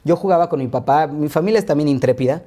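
A Mexican man in his thirties tells his childhood stories to an interviewer, rushing through the anecdotes with plenty of asides. He speaks with a Mexican Spanish accent. His delivery is very fast, and his voice is dark and mellow. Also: on the high side. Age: 30s. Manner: lively, quick anecdotes with frequent asides. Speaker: interview guest. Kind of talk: relaxed interview storytelling.

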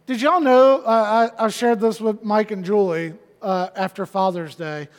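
A man preaching a sermon as pastor, swinging from loud emphatic declarations to hushed, quiet lows. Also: a little slow, in a large hall. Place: church sanctuary.

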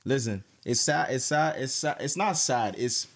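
A man's voice: mid-range voice, lively intonation, normal speed. A young man hosting a podcast in casual, slangy banter, repeating phrases for emphasis. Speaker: podcast host.

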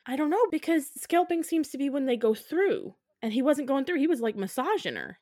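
A woman around thirty tells the story of a film with giggly, animated energy, jumping into the characters' lines as she goes. Her voice sits somewhat high. The sound is dry and close, with no room echo. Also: a little fast. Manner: animated, giggly storyteller who acts out quotes. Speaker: podcast co-host. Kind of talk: casual chat.

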